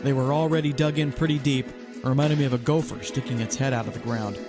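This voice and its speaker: A man and podcast host reading a first-person adventure story in a steady, measured storytelling way. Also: medium pitch, over music.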